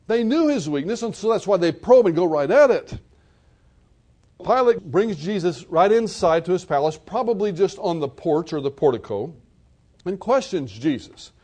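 Male preacher, high voice, vivid storyteller delivering a sermon. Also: a little mellow. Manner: vivid storytelling, retelling scenes.

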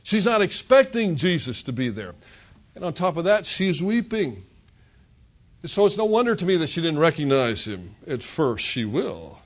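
A man's voice: on the high side, very animated, moderate pace. An older man preaching a sermon, retelling scripture as a story and voicing the characters' words. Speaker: pastor.

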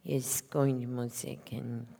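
A woman with an extremely low, soft-edged mellow voice gives an informal testimonial at church. Her words carry the long reverb of a hall. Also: little pitch movement, slow, creaky. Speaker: church guest giving a testimonial.

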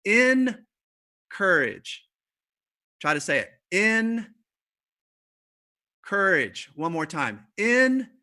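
A man gives a sermon in an easy, conversational way, trailing into fillers and restarts. His voice is bright and sits a little high. He slows right down when he leans on a key line. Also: big pitch swings. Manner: conversational preaching with fillers and repeated starts, slowing for emphasis. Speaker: pastor. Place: church service streamed online.

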